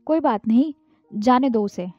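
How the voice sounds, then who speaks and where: A woman's voice: on the high side, a little slow, warm tone, no room sound, soft background music, lightly acted. A woman reading the part of a stern middle-aged father who gives his son curt orders, in a dull, dry, lo-fi recording. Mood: coaxing. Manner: curt, commanding.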